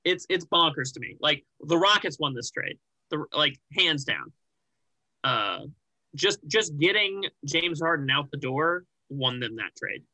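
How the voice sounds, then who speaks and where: A young man co-hosting a casual sports podcast, rambling and animated with many restarts and fillers. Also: on the high side, measured pace, dry recording, low-quality recording. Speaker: podcast co-host.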